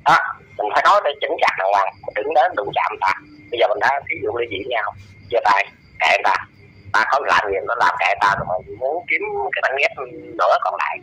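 A man in his eighties with a Southern Vietnamese accent, talking as an interview guest and lecturing in a scolding, preachy way, his pitch leaping up and down. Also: lively intonation, fast, pushed and bright, breathy edge, poor audio. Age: 80s. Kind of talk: casual lecturing chat.

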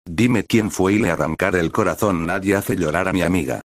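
A man's voice: low-pitched, fairly quick, dry recording, clean studio sound. A man voicing a blunt teenage boy ninja who is confused by feelings, in a read-aloud fan story. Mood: angry.

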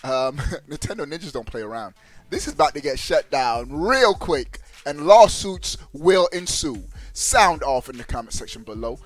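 A man hosting a gaming video channel, who talks in an excitable, laughing and slangy way and often says 'bro'. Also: on the high side, moderate pace, no echo. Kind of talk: casual gaming video commentary.

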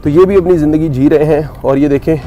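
A man's voice: a little high, steady tone, fast talker, muffled recording, over music. A man giving casual walking vlog commentary while touring a cattle farm outdoors, chatty and joking with his viewers.

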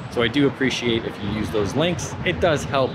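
With lively intonation and a fairly quick pace, this Canadian man speaks in a mid-range voice over background noise. He's a vlogger giving an informal, hands-on demo of a vehicle install, both inside the vehicle and out under an overpass.

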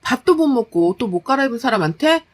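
A woman's voice: a little high, sing-song, quick pace. A woman voicing an exhausted working wife who scolds her husband in exasperation in a story. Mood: exasperated scolding.

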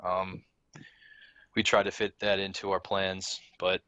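Subdued man with a deep voice. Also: monotone, pushed and bright, no room sound. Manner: subdued, halting, thoughtful. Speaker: opposing team leader. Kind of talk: post-match reflection over voice chat.

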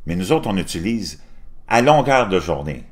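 A man's voice: low voice, very animated, moderate pace. A man in his fifties from Quebec with a Québécois French accent, mocking and scornful as he rants over a news article on his channel. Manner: scornful, mocking, laughs at his own jokes. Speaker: commentary channel host.

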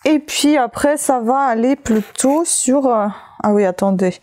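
A woman vlogger chatting casually as she shows and names the books she found, talking slowly with many fillers and pauses. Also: high voice, darkish tone. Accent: French-speaking with a non-native accent. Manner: slow, hesitant listing with many fillers. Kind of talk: casual haul video chat.

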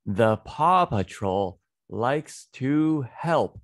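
This children's English reading teacher, a man in his thirties, delivers a read-aloud phonics lesson deliberately, repeating words and whole sentences. His medium-pitched voice is expressive, captured by a close desk microphone on a boom arm in a small home studio with no room sound.

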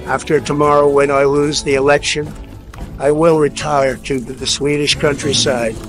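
Monotone synthetic male text-to-speech voice. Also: a little high, normal speed, faint music behind. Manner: stiff, evenly paced machine reading. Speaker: donation message reader.

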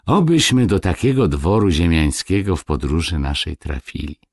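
A man voicing a gentle old dwarf king. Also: low-pitched, animated, dry recording, clean studio sound. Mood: tender. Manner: slow, tender, dignified.

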